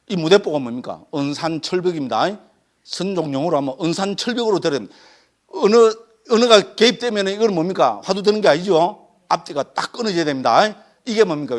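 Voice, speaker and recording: A middle-aged Korean Buddhist monk with a Gyeongsang accent gives a sutra lecture and keeps asking his listeners rhetorical questions. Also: a little high. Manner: punchy dramatic exclamations.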